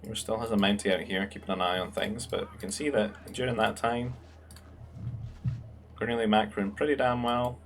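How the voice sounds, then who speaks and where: A man's voice: fairly low pitch, fairly even intonation, moderate pace, a little hiss or hum. A young man commentating a strategy game match in a casual, musing way, thinking aloud with fillers. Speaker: game caster.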